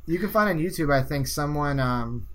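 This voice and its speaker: A man from the Northeast US hosting a casual podcast trivia game, chatty and quick to laugh. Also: a little high, animated, noisy background. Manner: chatty, laughing, quotes lines in slow put-on voices. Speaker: trivia host.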